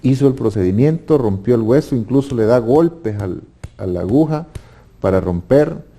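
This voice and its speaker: A man's voice: mid-range voice, lively intonation, normal speed, warm tone. A man with a Salvadoran accent giving a personal faith testimony, earnest and now and then restarting his words. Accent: Salvadoran Spanish. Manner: earnest storytelling with hesitant restarts.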